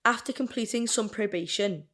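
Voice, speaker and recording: A woman's voice: mid-range voice, normal speed, fairly bright tone. A woman co-hosting a podcast, reading a true-crime case from notes in a casual chatty way, now and then stumbling over words. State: burping and hiccuping. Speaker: podcast co-host telling the case.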